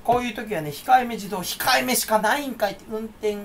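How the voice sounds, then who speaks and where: A man's voice: high-pitched, a little fast, slight background noise. A man chatting alone on his channel, rambling and mocking himself, playing with words and stammering over repeated syllables. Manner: rambling, self-mocking, playful wordplay. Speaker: channel host. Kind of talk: casual solo chat stream.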